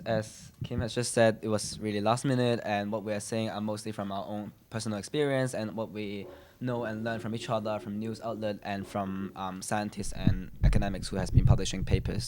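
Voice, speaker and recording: Man, from Hong Kong, panel speaker, earnest, fairly low voice, halting restarts. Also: noisy background. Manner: earnest, with frequent restarts and fillers. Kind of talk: panel talk.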